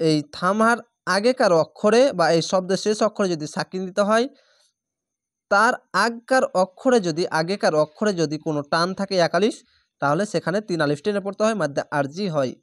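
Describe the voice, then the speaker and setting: A man with a Bangladeshi Bengali accent teaching Quran reading rules step by step, with slow drawn-out recited examples. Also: high-pitched, fairly bright tone, dry recording, clean studio sound. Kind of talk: spelled-out Quran recitation lesson.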